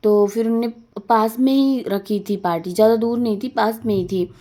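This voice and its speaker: A young woman with a slightly high voice tells her family vlog in a loose, rambling way. She talks casually, circles back over her points and laughs as she remembers things. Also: steady tone, brisk, warm tone. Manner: chatty, rambling, laughs while recounting. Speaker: vlogger.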